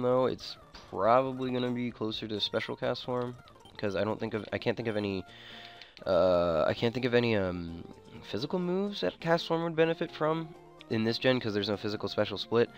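A man's voice: mid-range voice, clear, resonant tone. A man giving casual gameplay commentary, thinking aloud in informal, slangy language. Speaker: gamer commentating a playthrough. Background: video game music.

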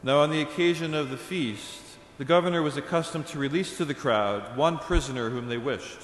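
A man proclaiming the Passion reading at Mass in a measured, solemn way, in a church. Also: on the high side, slight background noise. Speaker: reader at Mass. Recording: echoey church reverb.

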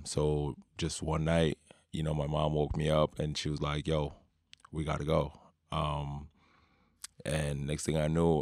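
A man in his thirties from Sudan, a basketball player, talking in a relaxed, unhurried way with drawn-out fillers in a studio. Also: a bass voice, dry recording. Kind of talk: casual interview talk. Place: home studio with guitars and keyboards. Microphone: studio mic with headphones.

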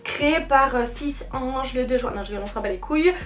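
A woman's voice: high voice, brisk. A young French woman hosting a dance channel, chatting casually and playfully with lots of fillers and self-mocking jokes. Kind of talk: casual vlog chat.

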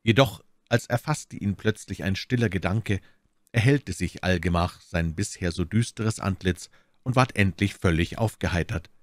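A man reading a classic novel aloud as an audiobook narrator, in an expressive, theatrical style. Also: low voice, moderate pace, no echo. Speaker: audiobook reader.

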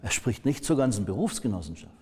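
A man preaching a sermon as pastor, slow and emphatic, letting phrases fall to a soft hush at the ends. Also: fairly low pitch, very animated, breathy edge. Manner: slow, emphatic, dropping to soft hushed endings. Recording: long hall reverb.

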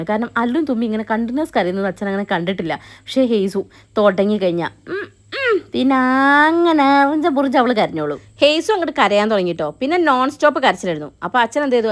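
A young woman, narrating her family vlog as a chatty voice-over and often tagging on a friendly 'you know'. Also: on the high side. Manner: chatty, keeps adding 'you know' tags. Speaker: family vlogger.

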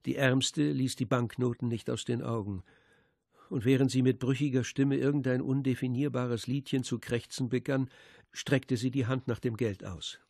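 A man reading a crime novel aloud as an audiobook, in steady, measured narration. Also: mid-range voice, vocal fry, no echo, studio quality. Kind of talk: scripted narration.

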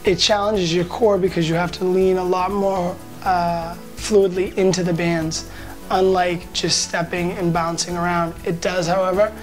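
A man speaking as a personal trainer in a steady, explanatory testimonial. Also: sits high, unhurried, faint music behind. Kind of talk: testimonial interview. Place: indoor room with brick wall.

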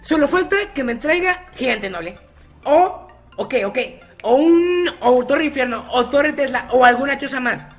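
A man's voice: very high-pitched, expressive, unhurried, soft background music. A man commenting on his own gameplay, chatty and teasing his opponents by name. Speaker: gaming YouTuber.

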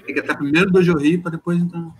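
A man's voice: a little high, steady tone, very fast, darkish tone, breathy edge. A man casually explaining setup problems to fellow programmers on a video call, hesitating and restarting often. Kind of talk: casual online meeting chat. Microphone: home computer mic on video call.

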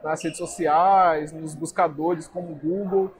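A man's voice: a little high, steady tone, unhurried, a little hiss or hum. A young man, earnestly explaining marketing as an interview guest at a fair booth. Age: young adult. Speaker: guest speaker. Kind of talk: interview answers. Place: indoor trade fair booth.

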